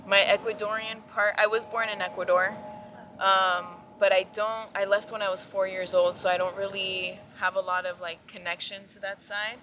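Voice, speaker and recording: A young adult woman from South Florida, a naturalist appearing as a guest, tells stories casually and chattily, packing in fillers and lots of "like." Her medium-pitched voice is flat, pushed, and bright at a moderate pace. The low-quality recording has a little hiss or hum.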